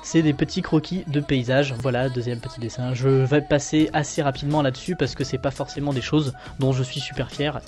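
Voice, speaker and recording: A young man from France flipping through his sketchbook in a relaxed, self-mocking way, with lots of fillers. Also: medium pitch, fairly quick, hardly any pauses, soft background music. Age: young adult. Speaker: artist showing his sketchbook. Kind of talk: casual commentary.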